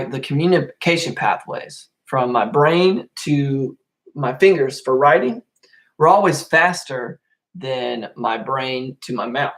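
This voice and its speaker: A young man hosting a casual solo podcast, rambling and swearing a lot, getting worked up and then calming down. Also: medium pitch. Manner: rambling, profane, easily worked up. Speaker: podcast host.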